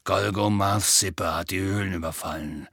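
A hulking, gruff male half-giant, as an audiobook reader puts him on, rumbling deep and low. He grumbles slowly and wearily, his voice husky and a little dark. It sounds dry and close. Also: steady tone, no echo, full character voice. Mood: weary, gloomy. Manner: slow, low, weary grumbling. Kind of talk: audiobook character voice.

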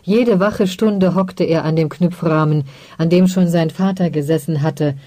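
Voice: mid-range voice, steady tone, a little slow, mellow, no echo. Ein Vorleser, der eine literarische Geschichte gemessen und dramatisch als Hörbuch erzählt. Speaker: audiobook reader. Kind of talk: scripted narration of a literary story.

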